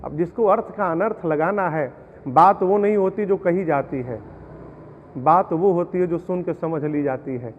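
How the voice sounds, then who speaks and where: Male devotional storyteller with a high voice, explains verses through parables, heard as tinny audio from a reverberant hall. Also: unhurried, a little hiss or hum. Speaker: Ramayana storyteller. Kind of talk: devotional discourse with sung verses.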